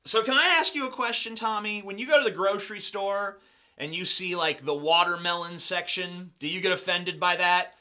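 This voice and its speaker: Young male commentator, sarcastic and mocking, high bright voice. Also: moderate pace. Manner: mocking, sarcastic, laughs at own jokes. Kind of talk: sarcastic commentary on video clips.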